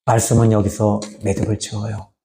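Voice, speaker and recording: A middle-aged man preaching as a pastor in a church, lively and rising when he voices God's words, then dropping low for asides. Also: a little fast, vocal fry, a little hiss or hum. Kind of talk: sermon. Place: church sanctuary. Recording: echoey church hall.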